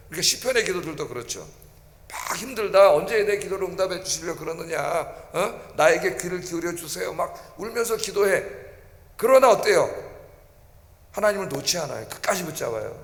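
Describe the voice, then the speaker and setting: A man's voice: high voice, a bit bright. A male pastor preaching a sermon in a church, emphatic and often putting questions to his congregation. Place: church sanctuary. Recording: echoey church hall.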